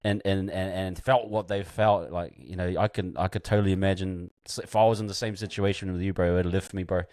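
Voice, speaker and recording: A man hosting a casual chat, speaking in a relaxed, thoughtful way with many restarts. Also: low-pitched, fairly quick, dry recording, studio quality. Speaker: host.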